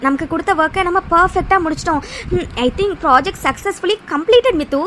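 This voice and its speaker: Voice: very high-pitched, normal speed, pushed and bright, slight background noise. A performer voicing a young woman coder in a cartoon serial, comforting her friend and urging for more time. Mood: worried. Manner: comforting, urgent.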